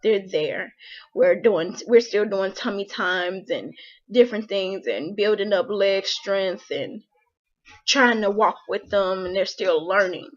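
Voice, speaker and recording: A woman's voice: mid-range voice, slow, lo-fi sound. A young woman and mother talking heartfelt and emotional to her viewers, filling her speech with "like". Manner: emotional, heartfelt, frequent "like" fillers. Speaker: vlogger, mother. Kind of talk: casual personal talk to camera.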